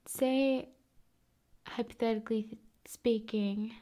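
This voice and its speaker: Hosting an ASMR video, a woman speaks with a fairly high, steady voice. Her delivery is unhurried and conversational, alternating between soft talk and whispers.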